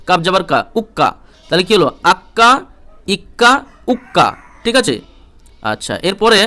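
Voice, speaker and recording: A man teaches a slow recitation lesson, spelling out each syllable and then repeating the set. His voice sits high and sounds bright and clear. He works through the drills at an unhurried pace, one item after another. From India. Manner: patient, drills syllables aloud and repeats them. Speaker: Quran reading teacher.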